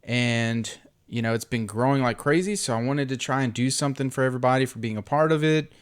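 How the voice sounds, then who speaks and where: A man hosting an online group, making a casual, unscripted giveaway and sale announcement with an informal, halting delivery. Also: medium pitch, clean tone. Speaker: host of an online trading group.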